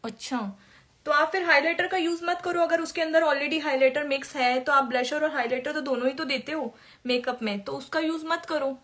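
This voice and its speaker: A woman's voice: sits high, fairly quick, a bit bright. A woman makeup artist chatting through a live makeup class, answering viewers by name as she works. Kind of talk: casual live-stream makeup tutorial.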